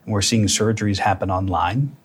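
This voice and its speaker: A man's voice: on the low side, steady tone, fairly quick, slightly rough. A man speaking as a guest commentator, conversational and informal, with rhetorical tags.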